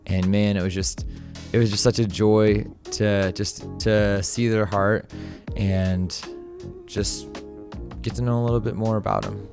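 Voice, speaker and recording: A man's voice: lowish voice, level tone, measured pace, over music. A man narrating his vlog in voice-over, rambling, with many fillers and restarts. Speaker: vlog host.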